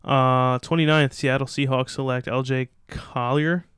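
A man's voice: mid-range voice, fairly even intonation, brisk, fairly bright tone, clean tone, dry recording, clean studio sound. A man co-hosting a casual sports podcast, reading out draft picks and giving loose, opinionated takes. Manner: opinionated, loose, reads out picks then riffs. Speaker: podcast co-host.

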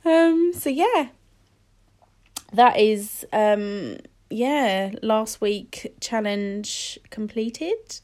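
A woman's voice: on the high side, lively intonation, very slow, a little mellow. A woman, chatting casually and rambling with many fillers while sniffly from a cold. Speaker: podcast host. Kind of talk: casual solo chat.

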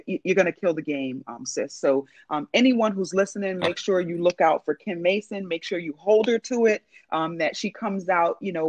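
A woman's voice: sits low, no echo, dull audio. A woman from New York hosting a podcast interview, talking casually with lots of fillers and restarts. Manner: chatty, many fillers and repeated words. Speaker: podcast host.

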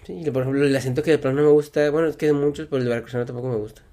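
A man's voice: mid-range voice, fairly even intonation, dark tone. A young man, chatting casually with friends, slangy and joking. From Mexico. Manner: fast, slangy and joking, acts out quoted exchanges. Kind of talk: casual chat.

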